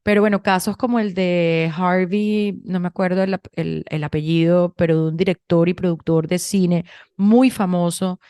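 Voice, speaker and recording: A woman in her thirties from Venezuela with a Venezuelan Spanish accent, co-hosting a podcast and telling stories in a chatty, animated way with many restarts. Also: lowish voice, moderate pace, smooth, no echo, clean studio sound. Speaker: podcast co-host. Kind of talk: casual conversation.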